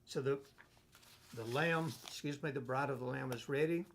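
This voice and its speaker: Male pastor, mid pitch, gravelly; conversational Bible teacher who quotes and explains scripture. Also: slight background noise. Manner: reads scripture aloud and explains it verse by verse; unhurried, asks himself questions and answers them. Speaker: pastor leading a Bible study.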